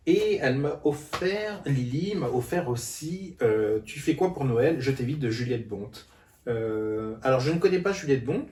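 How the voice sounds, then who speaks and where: A man's voice: medium pitch, warm tone. Hesitant man in a roomy echo. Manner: hesitant, many fillers and restarts. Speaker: book vlogger. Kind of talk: casual book haul vlog. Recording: roomy echo, a bit far from the mic.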